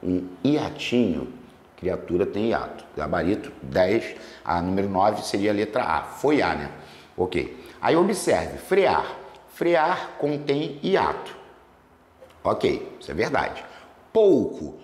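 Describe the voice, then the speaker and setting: A man with a lowish voice that swings widely in pitch walks through exam questions like a teacher at the board. He draws out words slowly to break them into syllables. The sound is roomy, with a long reverb tail. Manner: lively, stretches words slowly to spell out syllables. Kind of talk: solving exam questions on grammar.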